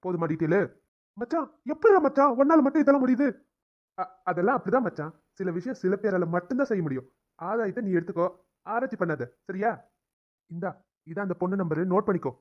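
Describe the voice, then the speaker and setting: Young cartoon doctors who trade chummy, brisk banter. The voice sits high for a man and moves fast. It comes through a dull, lo-fi recording. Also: lively intonation. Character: young male doctors, the hero and his friend. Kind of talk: cartoon drama dialogue.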